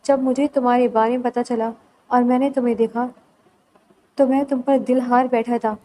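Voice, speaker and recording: A woman reading aloud the lines of an earnest young husband in a novel, soft and reassuring. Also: fairly high pitch, little pitch movement, slight background noise, close to an everyday voice, poor audio.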